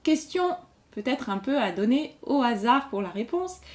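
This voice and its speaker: Hosting a general-knowledge quiz, a woman reads every question twice, slow and clear, and patiently explains the answers. Her voice sits high and sounds animated, at a moderate pace.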